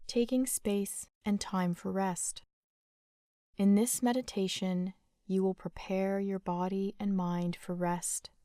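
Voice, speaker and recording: A woman leads a guided sleep meditation, gentle, soothing and unhurried, leaving long pauses. Her mid-range voice keeps a fairly even intonation, and the recording is dry with clean studio sound.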